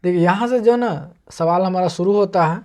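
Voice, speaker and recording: A man's voice: high voice, normal speed, a little mellow. Patient man teaching math. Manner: patient, repetitive explaining, walking through steps. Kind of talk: online math lesson.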